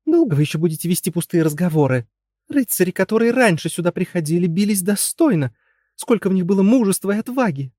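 Figure: capricious princess, voiced by a man. Pitch: raised. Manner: petulant. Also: expressive, quick pace, warm tone, no room sound, clean studio sound. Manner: petulant, scolding. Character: haughty young princess, capricious and impatient. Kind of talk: audiobook character voice.

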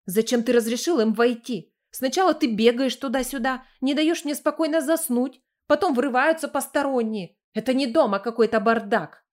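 A woman doing a shrill, scolding wife. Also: moderate pace, few pauses, natural voice. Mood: angry. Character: irritable middle-aged wife woken from sleep.

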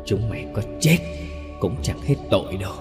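A man's voice: fairly low pitch, lively intonation, moderate pace, long reverb tail, over music, natural voice. A man voicing a cold male ghost with a mocking, taunting manner.

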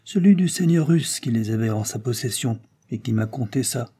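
A man's voice: mid-range voice, expressive, normal speed, mellow. A man voicing a proud, sturdy male mail courier who talks in a boastful, self-assured way. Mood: confiding.

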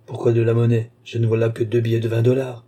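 A man's voice: medium pitch, monotone, quick pace, warm tone, breathy edge, natural voice. A man reading a cold, greedy woman doctor. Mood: coldly wheedling. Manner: coolly condescending, calls her "ma petite". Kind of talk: audiobook character reading.

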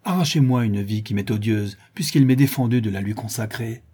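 A man's voice: mid-range voice, moderate pace, mellow, husky, natural voice. A man voicing a proud, passionate young man pleading before a count, in a read-aloud story. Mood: impassioned. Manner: impassioned, defiant. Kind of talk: audiobook reading.

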